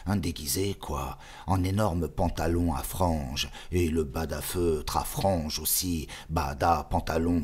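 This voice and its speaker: A man giving an expressive, dramatic audiobook reading of a novel. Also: rumbling low, slightly rough. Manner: expressive, spoken cadence. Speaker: audiobook reader.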